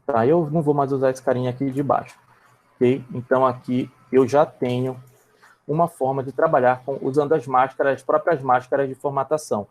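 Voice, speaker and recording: A man with a Brazilian Portuguese accent teaches a live online coding class in a mid-range, darkish voice with fairly even intonation, speaking a little fast. He explains each step and checks in with his students often. He repeats and restarts words as he types.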